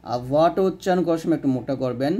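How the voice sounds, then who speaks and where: A man teaching Quran reading step by step, asking and answering his own questions and slowing down to model each letter sound. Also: a little high, mellow. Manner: repeats key terms, asks and answers own questions. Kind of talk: step-by-step lesson.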